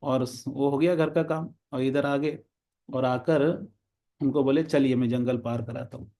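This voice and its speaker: A man's voice: mid-range voice, steady tone, unhurried, dark tone. A man preaching, telling a devotional story and acting out the characters' lines in different voices.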